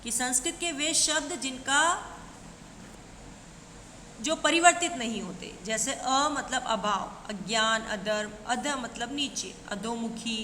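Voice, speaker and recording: A woman's voice: fairly high pitch, sharp tone. A woman teaching a grammar lesson, going through examples one at a time and calling her students "beta". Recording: echoey room with long reverb, faint noise.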